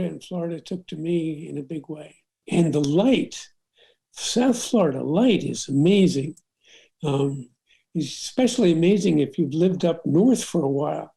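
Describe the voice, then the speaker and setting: An older man, a photographer, telling stories from his career in an unhurried interview, with many fillers and restarts. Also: a little high, creaky, dark tone. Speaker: documentary photographer. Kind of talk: reflective storytelling interview.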